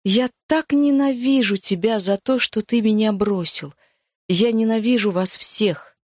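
A woman's voice: a little high, normal speed, a little mellow, no echo, studio quality, voice pushed up, natural voice. A woman voicing a sobbing, heartbroken young woman. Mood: anguished. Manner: raised, tearful, pleading outbursts.

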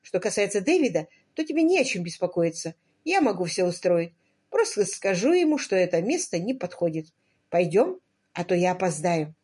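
A woman reading an audiobook, voicing a scheming young woman with a monotone, drawling manner. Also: lowish voice, moderate pace, husky. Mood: commanding. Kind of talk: audiobook character voice.

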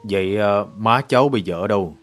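A man playing a wealthy older landowner who asks questions in a measured, fatherly way. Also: lowish voice, soft background music, close to an everyday voice. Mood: gentle.

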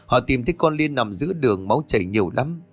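A man's voice: medium pitch, expressive, quick pace, no echo, faint music behind, close to an everyday voice. A man narrator voicing a frantic, grieving elderly mother who wails and pleads. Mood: fearful. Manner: wailing, pleading.

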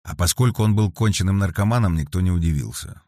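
A man reading a calm, thoughtful detective. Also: low-pitched, no echo, clean studio sound. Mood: measured. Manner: measured, explaining.

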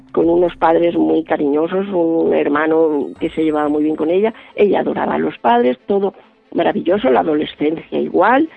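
A man's voice: fairly high pitch, vocal fry, no room sound. A male radio guest, telling a story vividly and acting out the lines of the people in it. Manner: vivid, acts out quoted dialogue. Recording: band-limited dry phone-like line.

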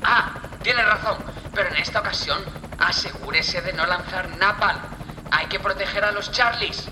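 A woman's voice: mid-range voice, moderate pace, lightly acted. A woman playing a comically dim army sergeant who gives orders like a drill sergeant in a military parody sketch. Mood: comically serious. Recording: roomy echo, loud helicopter and gunfire noise.

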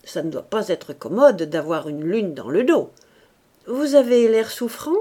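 A woman's voice: medium pitch, very animated, unhurried, dark tone. A woman reading a mocking old captain. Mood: teasing. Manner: teasing, falsely fatherly. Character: mocking retired male captain, joker of the group.

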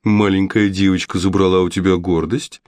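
A man playing a brave boy who taunts a villain with open mockery. The delivery stays low and close, with a dry, deadened sound. It is a storybook hero's part, read aloud. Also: measured pace, no echo. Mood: mocking. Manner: mocking, defiant. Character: defiant mocking boy.

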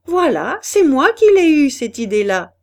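A plump, indulgent older woman chirps in a high, lively voice, as a woman reads her lines. She sounds cheerful and obliging, with a breathy softness. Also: takes it slowly, heavily acted.

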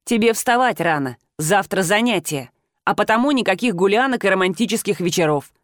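A woman's voice: mid-range voice, animated, a little fast, dry recording, lightly acted. A stern, bossy young man who snaps short commands at his cousin, voiced by a woman narrator. The speech is clipped and overbearing, read in a plain storybook style. The recording is dry and close. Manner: curt, barking orders. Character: domineering protective male cousin, stern.

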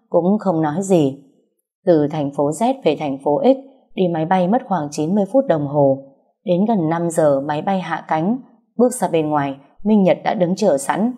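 Mellow, low-voiced woman narrator. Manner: steady, measured storytelling. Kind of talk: scripted audiobook narration.

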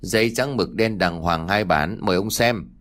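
A man's voice: low-pitched, moderate pace, a bit bright, voice pushed down. A man playing a sly village official's servant who speaks with false, fawning politeness. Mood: smarmy.

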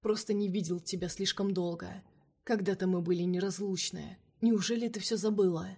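A woman voicing a cunning male vampire king held captive, speaking softly and coaxingly in a storybook reading. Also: mid-range voice, fairly even intonation, normal speed, slightly rough. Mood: seductive. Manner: soft, velvety, coaxing.

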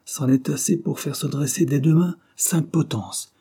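A man's voice: on the high side, moderate pace, warm tone, slightly rough, pitched above the performer's own voice. A man voicing a jealous man who threatens and blackmails a young woman, in a hard, mocking tone. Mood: threatening.

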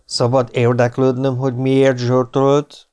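A man's voice: mid-range voice, monotone, a little mellow, clear, resonant tone, natural voice. A man reading an audiobook, voicing a polite, earnest aristocratic legionnaire. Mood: dry. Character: determined young aristocratic male legionnaire. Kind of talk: audiobook character voice.

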